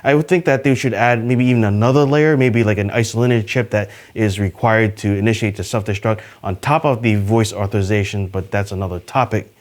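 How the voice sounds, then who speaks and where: Guy hosting a chill trivia vid, chatty, lots of uhs, gets excited on each new item. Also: a little fast, few pauses. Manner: enthusiastic, pitch jumps on list numbers; chatty with fillers. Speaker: YouTube host. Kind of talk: casual trivia talk to camera.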